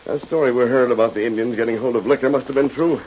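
An actor playing a commanding, watchful Western hero in a 1930s radio drama. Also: male voice, mid-range voice, fast talker, a little mellow, lightly acted. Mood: grave. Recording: muffled, hissy 1930s radio recording.

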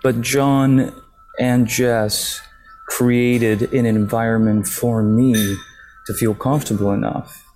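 A man from Japan speaking in a hushed near-whisper, answering interview questions casually as an actor on a remote call from a hotel lobby. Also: medium pitch, steady tone, slow pace, soft background music.

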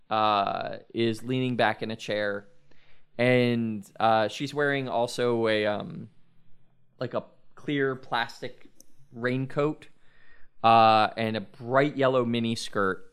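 Guy running a tabletop game, smooth clear voice, lots of ums and restarts. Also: medium pitch, a bit bright. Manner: halting, loose, many fillers and restarts. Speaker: game master.

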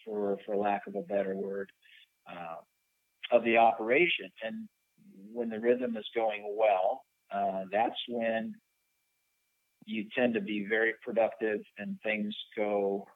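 A man in his fifties, a helicopter pilot with a fire department, answering interview questions thoughtfully and pausing to search for words. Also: lowish voice, animated, creaky, no room sound. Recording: tinny phone line.

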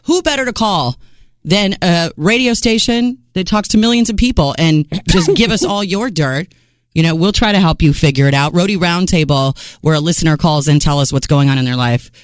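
A man hosting a rock radio show, joking and riffing in quick, hyped banter from a studio mic. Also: fairly high pitch, dry recording. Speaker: radio host. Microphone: studio microphone.

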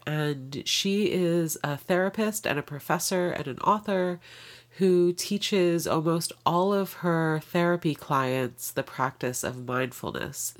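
A woman hosting a podcast while sick with a cold, her voice nasal and congested, talking in a chatty, upbeat way. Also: low-pitched. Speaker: podcast host. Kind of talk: casual podcast intro.

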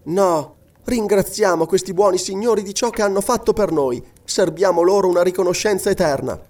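Storybook girl, young and desperate, very high, as a male reader puts her on. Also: fairly quick, a little mellow, far from the mic, natural voice. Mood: pleading. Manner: high, pleading cries.

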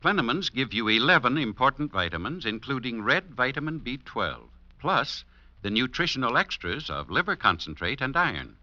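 An actor playing a reassuring family druggist in a chipper 1950s radio advertisement, with a polished sales delivery. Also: male voice, mid-range voice, big pitch swings, normal speed, bright, forceful tone, no echo. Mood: upbeat, reassuring. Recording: muffled old radio recording.

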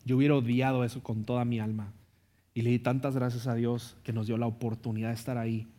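A Mexican pastor preaching in a relaxed, conversational way, checking in with his listeners as he goes. His voice sits at an ordinary middle pitch for a man. He turns earnest and pleading when he calls people to faith. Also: fast. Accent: Mexican Spanish. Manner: conversational, tags lines with ¿no? and ¿verdad?; earnest, pleading altar call. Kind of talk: sermon with personal story.

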